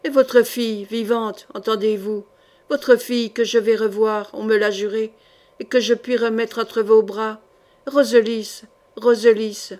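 Brief : une femme en chevalier noble, fier, fougueux, voix légèrement haute, lecture de roman. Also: female voice, on the high side, level tone, a little slow, darkish tone, natural voice. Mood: desperate. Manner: urgent, pleading outbursts. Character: young nobleman knight, proud and passionate. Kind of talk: audiobook character reading.

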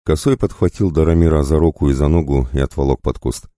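A man reading a story aloud in a measured, even manner. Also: extremely low pitch, no echo, clean studio sound. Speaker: audiobook narrator. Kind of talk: scripted narration.

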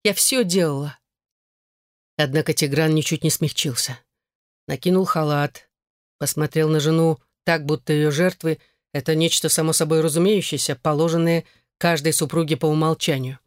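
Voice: medium pitch, fairly even intonation, normal speed, no room sound, studio quality. A narrator reading a novel aloud as scripted narration. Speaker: audiobook narrator.

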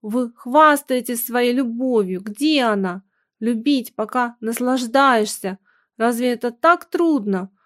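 A woman reading aloud, voicing a tormented, hysterical young wife in shrill, anguished outbursts. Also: steady tone, takes it slowly, a bit bright, dry recording, clean studio sound. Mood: furious.

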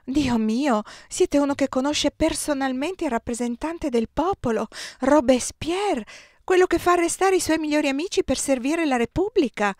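A woman reading aloud and voicing an excitable young girl who pleads and gushes in a raised, breathless voice. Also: moderate pace, no room sound, clean studio sound, natural voice. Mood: overwhelmed. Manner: breathless, pleading, higher and louder voice.

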